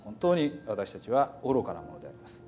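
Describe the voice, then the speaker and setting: Soft-spoken man praying. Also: fairly low pitch, sing-song. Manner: soft, slow and reverent. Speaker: pastor. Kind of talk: spoken prayer.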